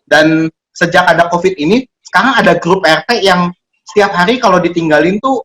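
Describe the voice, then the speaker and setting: A man with a colloquial Jakarta Indonesian accent who cannot pronounce his R clearly, telling anecdotes in casual chat. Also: high-pitched, a little fast, fairly bright tone.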